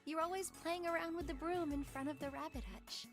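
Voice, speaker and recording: A woman voicing a gentle young woman in a video game who softly recalls her childhood. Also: extremely high pitch, steady tone, fairly quick, soft background music. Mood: wistful.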